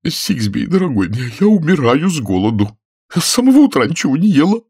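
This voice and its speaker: A man voicing a fretful, hungry middle-aged woman in a pleading falsetto. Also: big pitch swings, a little fast, a little mellow, slightly rough, heavily acted.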